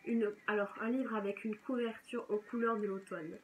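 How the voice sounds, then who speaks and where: A woman's voice: medium pitch, fairly even intonation, moderate pace, slight background noise, rough recording. A young woman chatting casually and enthusiastically as a book vlogger, often correcting herself mid-sentence. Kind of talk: casual chat.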